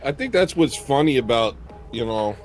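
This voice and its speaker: A man's voice: medium pitch, lively intonation, moderate pace. A man co-hosting a podcast, sarcastic and mock-indignant as he bickers with his partner. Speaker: podcast co-host. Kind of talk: casual banter.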